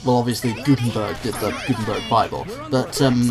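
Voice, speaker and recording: A man's voice: mid-range voice, steady tone, fairly quick, a crowd in the background. A man hosting a let's play with casual, wry, rambling commentary addressed to the viewer. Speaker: gaming video host. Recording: game music behind the voice.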